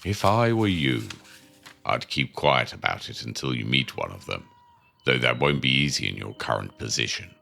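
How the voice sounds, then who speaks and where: A male actor plays a seasoned convict with an extremely low, gravelly voice. He is a worldly, cynical prison inmate in an audio drama, speaking matter-of-factly with a forceful edge over background music. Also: lively intonation, moderate pace, heavily acted. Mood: matter-of-fact, advising. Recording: music under the voice.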